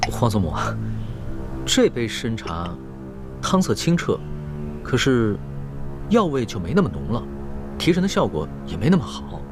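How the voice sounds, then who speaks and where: An actor playing a young emperor and deferential grandson in a Chinese costume drama, speaking formally, politely and with care. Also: male voice, medium pitch, huge pitch swings, moderate pace, pauses often, music in the background. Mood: courteous. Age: young adult. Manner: formal, polite, careful phrasing.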